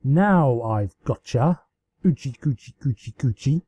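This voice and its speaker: Man putting on Princess Celestia, theatrical mellow pony royal. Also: medium pitch, lively intonation, unhurried, breathy edge, no echo, highs cut off. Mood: teasing. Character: playful, theatrical female pony princess, regal older sister.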